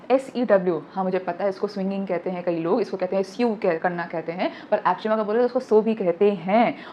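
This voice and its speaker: A woman teaching English vocabulary in an online class, explaining each word slowly and spelling it out letter by letter. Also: mid-range voice. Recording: slightly dull lo-fi audio with faint background noise.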